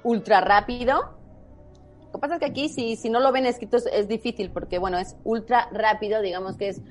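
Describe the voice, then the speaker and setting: A woman's voice: on the high side, brisk, soft background music. A woman from Spain who patiently explains spelling rules step by step in a casual chat. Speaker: spelling quiz guest expert.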